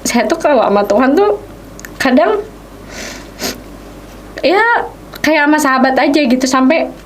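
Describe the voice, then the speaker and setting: A woman's voice: high-pitched, measured pace. Lady on a podcast telling her testimony, acts out the lines she quotes, bit of faint room noise. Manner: animated storytelling, acts out quoted speech. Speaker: guest sharing a testimony. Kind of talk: casual podcast interview.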